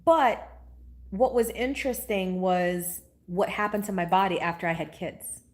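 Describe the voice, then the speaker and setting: A woman, a spiritual teacher in a casual live-stream chat. She talks in a chatty, animated way and greets viewers by name. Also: lowish voice. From Guyana. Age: 40s.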